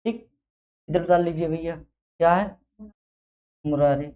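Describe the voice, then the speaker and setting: A man's voice: a little high, fairly even intonation, slow. A male teacher giving a grammar lesson in a classroom, quizzing his students by asking the same questions again and again. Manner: drills students with repeated questions. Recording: dull lo-fi recording.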